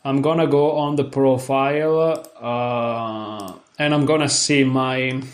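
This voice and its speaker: A chess vlogger talks casually to his viewers about his chess tournament, chatty, self-deprecating, and sounding worn out. His mid-range voice is slow with fairly even intonation.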